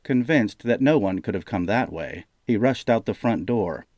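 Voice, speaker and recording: Low-voiced male audiobook narrator. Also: no echo, clean studio sound. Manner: steady, measured storytelling. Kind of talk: scripted narration.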